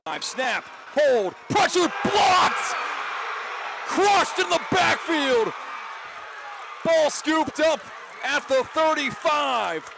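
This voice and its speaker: Shouting over a crowd, this American radio announcer gives dramatic, emphatic football play-by-play in a very high, sing-song voice. He talks very slowly and leaves long pauses, and the outdoor stadium ambience comes through clearly.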